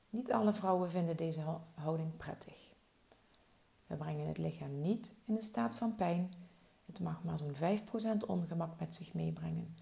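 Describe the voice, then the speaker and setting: A woman guiding a slow body-relaxation meditation with soft, soothing instructions. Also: deep voice, gravelly. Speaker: relaxation guide.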